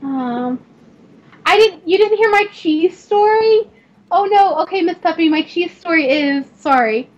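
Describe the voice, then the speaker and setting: A young woman with a Southern accent, chatting and giggling in a rambling, excitable way while live-streaming a game. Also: very high-pitched, measured pace. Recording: slightly dull, faint noise.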